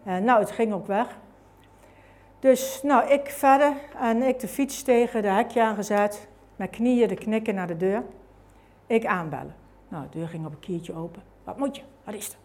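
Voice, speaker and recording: A woman's voice: medium pitch, moderate pace, a little mellow. Dutch woman telling her own testimony. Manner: conversational, many fillers and tag questions. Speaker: speaker giving a testimony. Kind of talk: personal testimony told as a story.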